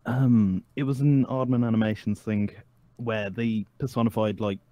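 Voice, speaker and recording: A man joining a game live stream as a guest, chatting casually with a relaxed, hesitant manner. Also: fairly low pitch, normal speed, no room sound.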